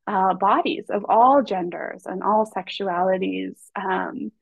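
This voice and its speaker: A woman speaking as a guest educator in a podcast conversation, measured and reflective, with soft fillers. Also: medium pitch, vocal fry, slightly rough, no echo. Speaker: guest, body and sexuality educator.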